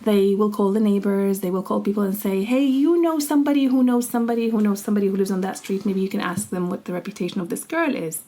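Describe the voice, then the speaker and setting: Talking fast with hardly any pauses, a young Syrian podcast co-host shares personal stories in casual, earnest conversation, laughing readily. Her voice is medium-pitched and dark, with a steady tone.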